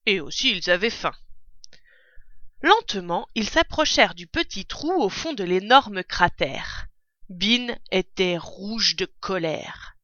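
A woman reading a children's novel aloud, with expressive, deliberate storytelling. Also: medium pitch, dry recording. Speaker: narrator.

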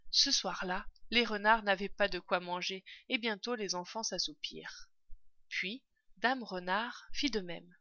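A woman narrating a children's audiobook in an expressive storytelling manner. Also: medium pitch, a little slow, no room sound, muffled recording.

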